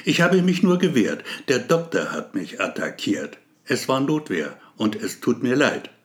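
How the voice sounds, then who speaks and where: A man's voice: mid-range voice, very animated, measured pace. A man voicing an odd, nervous male patient who insistently corrects others and defends himself. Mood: defensive.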